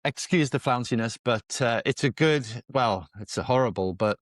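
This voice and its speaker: A man's voice: mid-range voice, moderate pace, no echo, clean studio sound. A man with a Geordie accent hosting a podcast, chatting playfully and teasing his co-host. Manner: playful, teasing, mock-old-fashioned wording. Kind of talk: casual chat.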